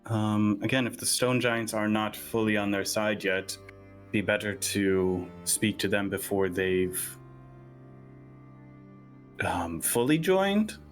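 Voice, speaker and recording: A man playing a tabletop role-playing game, talking casually in character in a deliberate, hesitant way. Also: lowish voice, lively intonation, faint music behind.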